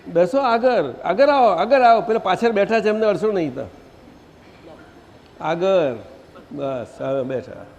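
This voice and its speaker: A man leading a satsang, gently directing the audience and asking them questions. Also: sits high, animated, a little slow, pauses often. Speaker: spiritual teacher leading a satsang. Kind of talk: conversational religious gathering talk. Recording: long hall reverb.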